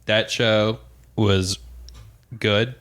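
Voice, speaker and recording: A young man co-hosting a podcast, telling stories and giving opinions in a relaxed, casual way. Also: lowish voice, very slow, smooth. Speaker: podcast co-host. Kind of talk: casual chat.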